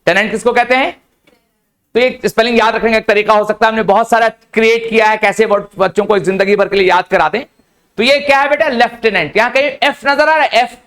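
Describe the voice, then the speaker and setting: एक पुरुष शिक्षक जो कोचिंग क्लास में छात्रों को "बेटा" कहकर समझाते हुए अंग्रेज़ी पढ़ा रहे हैं।. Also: male voice, sits high, a little fast. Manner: addresses students as beta, lively and coaxing. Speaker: English teacher. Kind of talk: classroom lecture. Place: coaching classroom.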